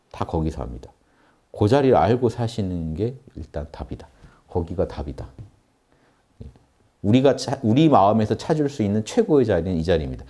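A man's voice: deep voice, warm tone. A man teaching meditation in an earnest lecture, repeating key phrases and lifting his voice on the questions he poses. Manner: earnest, repetitive, rising emphasis on key words. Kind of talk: spiritual lecture.

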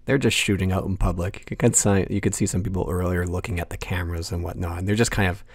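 Low voiced guy chuckling thru a film breakdown, dry sound. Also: fairly even intonation, fast, vocal fry, no echo. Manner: amused, chuckles through lines. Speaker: video essay host. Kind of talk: casual film commentary.

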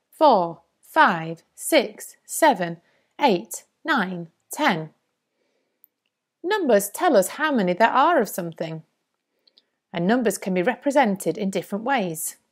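A woman presenting a scripted lesson for young children as a primary teacher, in a singsong manner. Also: fairly high pitch. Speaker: primary school maths teacher.

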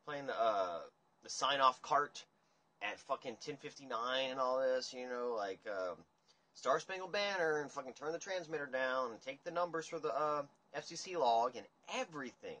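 A young man hosting a casual livestream chat, ranting in a rambling, profane, animated way. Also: medium pitch, normal speed. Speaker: livestream host. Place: dim room indoors. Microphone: phone camera at table.

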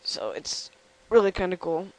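A man's voice: high-pitched, big pitch swings, rough recording. Tired young man rambling through a demo. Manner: rambling, halting with many fillers. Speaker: channel host. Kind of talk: casual software demo.

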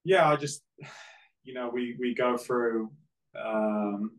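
A man, a football coach answering press questions after a game on a video call, measured and full of fillers. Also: medium pitch, rough recording. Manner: measured, flat delivery with many fillers. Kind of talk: post-game press conference. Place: press backdrop, indoors.

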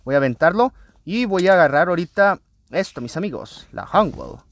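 An excitable man, hosting a let's play video and talking to his viewers as he plays. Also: high voice, fairly quick. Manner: excitable, often addresses viewers as friends. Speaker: gaming channel host.

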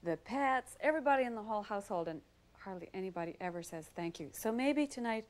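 A woman's voice: mid-range voice, animated, quick pace. A woman guest singer on a children's TV show, chatting playfully and leading a comic sing-along. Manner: chatty, playful, sings with comic character voices. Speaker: guest singer and banjo player. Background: banjo and band music.

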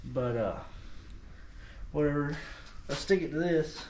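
Taking it slowly, a man with a fairly high voice casually films himself unboxing and testing something by a truck in his workshop, with background noise present. As the video host, he rambles in an offhand way packed with fillers.

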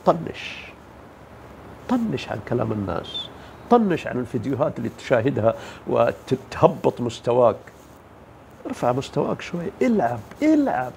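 A man's voice: a little high, vocal fry, a little mellow, a little hiss or hum. A man giving a motivational religious talk, emphatic, asking rhetorical questions and mimicking the people he describes. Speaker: motivational speaker.

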